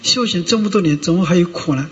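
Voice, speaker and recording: A man's voice: high voice, quick pace, lightly acted. A man voicing a lay devotee who keeps imploring a sick monk in a whiny, pleading way. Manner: whiny, imploring, repeats the address to the master. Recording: dull lo-fi recording with long hall reverb.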